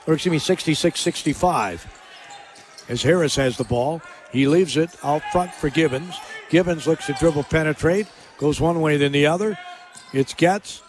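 A man calling a college basketball game play-by-play on radio, rattling off scores and stats and shouting on the big plays. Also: a little high. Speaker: play-by-play announcer. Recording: radio broadcast.

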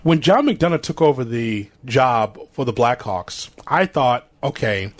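A man's voice: mid-range voice, animated, unhurried. A man hosting a sports radio show who interviews a guest and comments, in a conversational way with fillers.

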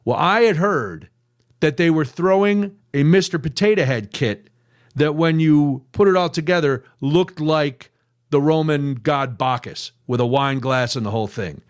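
A man's voice: a little high, measured pace. An older man hosting a radio show, telling self-mocking stories in a casual chat. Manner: animated, self-mocking storyteller. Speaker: radio host.

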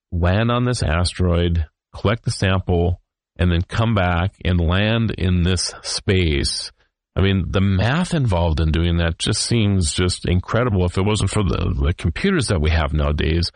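Very deep-voiced man hosting talk radio. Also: no room sound, clean studio sound. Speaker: radio show host. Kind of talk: radio talk, part read, part ad-libbed.

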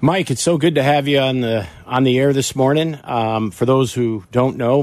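An American man co-hosting sports talk radio, with measured, wordy commentary and questions. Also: mid-range voice, a little mellow, no echo.

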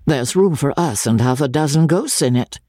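Man reading as a sly young woman in a storybook, husky, close and dry. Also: on the high side, expressive, moderate pace, a little mellow, no room sound. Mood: coaxing. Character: clever young woman governess, sly and cheerful.

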